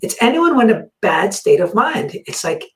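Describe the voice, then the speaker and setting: A podcast host telling a story in a casual chat, acting out the other people's words with lively energy. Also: mid-range voice, moderate pace. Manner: animated, acts out quoted dialogue. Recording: roomy, distant mic.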